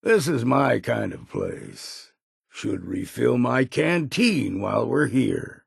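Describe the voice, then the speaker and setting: A grizzled old hunter from a video game, with a deeply gravelly, husky voice. He talks slowly in a folksy, old-timer way, gruff and wary but good-humored. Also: big pitch swings, no echo, clean studio sound, heavily acted. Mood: musing, gruff. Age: older. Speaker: video game companion character. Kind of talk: scripted game voice lines.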